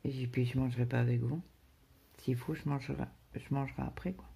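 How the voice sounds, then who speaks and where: A woman's voice: extremely low pitch, fairly even intonation, fast, creaky, warm tone, a little hiss or hum. A woman chatting casually to her viewers about her day, rambling, with many fillers and restarts. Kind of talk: casual personal chat to viewers.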